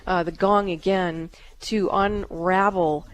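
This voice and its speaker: Calm woman radio psychic host. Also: slight background noise. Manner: calm, soothing, with frequent fillers; chants in a high drawn-out voice. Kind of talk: call-in radio talk.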